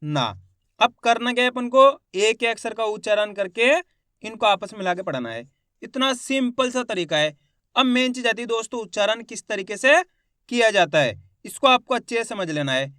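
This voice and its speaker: Bright high-voiced man teaching Hindi syllables. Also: lively intonation, clean tone, no echo, studio quality. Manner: sounds out each syllable slowly, then blends the word; asks the viewer frequent check-in questions. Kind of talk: step-by-step phonics lesson.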